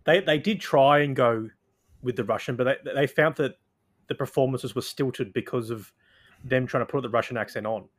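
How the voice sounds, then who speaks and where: A man co-hosting a podcast in casual review chat, explaining calmly with frequent restarts. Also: medium pitch, normal speed. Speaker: podcast co-host.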